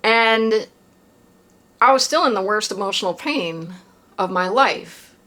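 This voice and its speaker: A woman's voice: medium pitch, lively intonation, slow pace, a bit bright. A woman vlogger recounting a personal experience in a casual confessional monologue, rambling with lots of fillers and tag questions.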